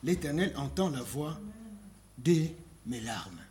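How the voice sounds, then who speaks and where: A man preaching a sermon, slow and emphatic, reading scripture aloud and asking rhetorical questions. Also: a little high, lively intonation, darkish tone, slight background noise.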